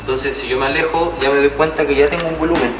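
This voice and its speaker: A man's voice: a little high, fairly even intonation, fast, noisy background. A man, demonstrating mural painting step by step and checking in with his students as he goes. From Chile. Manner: explanatory, checks in with "¿cierto?". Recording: roomy, distant mic, music behind.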